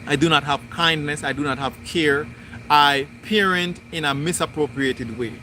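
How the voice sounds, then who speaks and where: A man hosting a spiritual livestream, talking through his thoughts in slow, deliberate, repetitive phrasing. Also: on the high side, pushed and bright, slight background noise. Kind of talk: reflective spoken monologue.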